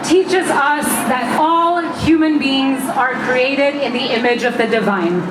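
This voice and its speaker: Woman, high voice, impassioned rally speech, shouted calls, echoey open street, loud traffic behind. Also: takes it slowly. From Brazil. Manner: earnest, building to shouted rallying lines. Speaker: rally speaker.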